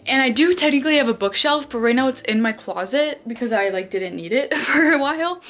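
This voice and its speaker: A woman's voice: sits high, animated, brisk, a bit bright, soft background music. A young woman vlogging at home in her bedroom, chatting casually with lots of fillers. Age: young adult. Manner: bubbly, chatty, many "like" fillers. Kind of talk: casual vlog chat.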